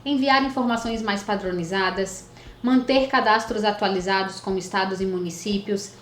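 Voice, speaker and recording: A Brazilian woman accountant giving a clear, step-by-step video lesson, often checking in with her listeners. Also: medium pitch, fairly even intonation, normal speed, fairly bright tone. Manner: clear, didactic, checks in with "né?" and "certo?". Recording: echoey room with faint noise.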